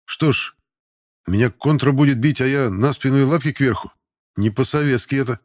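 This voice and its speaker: A man voicing an earnest, indignant young male cadet who protests loudly, in an audiobook. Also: mid-range voice, normal speed, pitched above the performer's own voice, close to an everyday voice. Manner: protesting, raised and emphatic.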